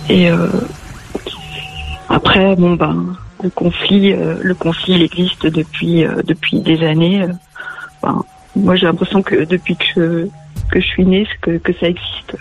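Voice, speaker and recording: A woman from France, a guest on a live talk show, speaking haltingly and searching for words, on a dull lo-fi recording with faint music behind. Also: lowish voice, gravelly. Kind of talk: casual live discussion.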